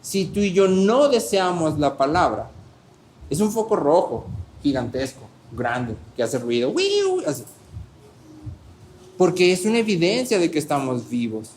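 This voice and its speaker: Animated preacher, higher-pitched man. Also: measured pace, a little hiss or hum. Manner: animated preaching, rhetorical questions, swings between soft and loud. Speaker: pastor. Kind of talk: sermon.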